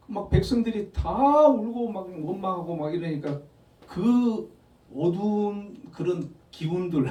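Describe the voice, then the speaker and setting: A male pastor giving a Sunday morning sermon in a conversational, animated storytelling manner with frequent chuckles. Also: fairly high pitch. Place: church sanctuary. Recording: echoey hall, voice from a distance.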